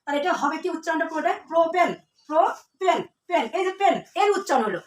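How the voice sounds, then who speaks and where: A woman with a very high-pitched voice and lively intonation speaks very fast while teaching a chemistry class. She questions her students, answers herself and repeats the key terms, captured by a distant mic in an echoey room.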